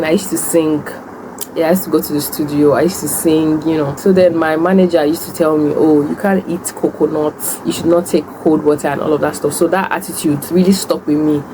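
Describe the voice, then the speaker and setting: Young nigerian woman, low voice, chatting and eating mukbang style, noisy room hum behind her. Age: young adult. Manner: talks while eating. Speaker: food vlogger and host. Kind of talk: casual mukbang chat, storytelling and answering questions.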